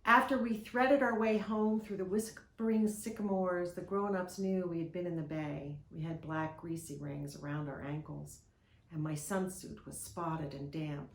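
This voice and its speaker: A woman gently and expressively reading a children's picture book aloud, with a roomy echo. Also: fairly low pitch, steady tone, measured pace.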